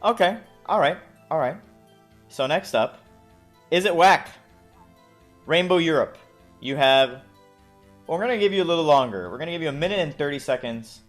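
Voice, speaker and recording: A man co-hosting a casual gaming podcast, animated and teasing, sometimes acting out silly voices. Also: on the high side, moderate pace, long pauses. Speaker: podcast co-host. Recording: faint music bed behind.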